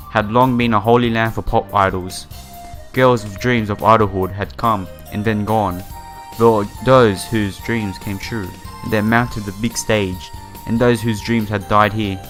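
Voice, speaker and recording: A man with a lowish, fairly bright voice plays through a visual novel as a let's player, reading the text aloud, adding casual commentary and stumbling over some words. Game music plays behind him.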